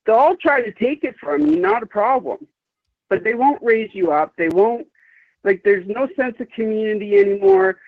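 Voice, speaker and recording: Over a dry, tinny phone line with no echo, a woman around fifty calls in for a casual chat. Her medium-pitched voice is creaky, and she talks emphatically and outspokenly, rambling and swearing a bit.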